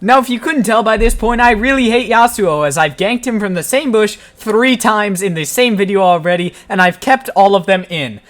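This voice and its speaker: High-voiced joking gameplay commentator. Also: male voice, moderate pace, hardly any pauses. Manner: playful, self-mocking, deadpan jokes. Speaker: gaming channel host.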